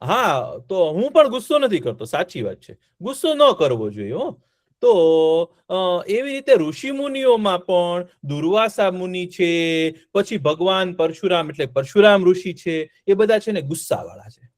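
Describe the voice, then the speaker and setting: A man telling a story to children, animated, asking them questions and repeating words. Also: high voice, unhurried, dry recording, studio quality.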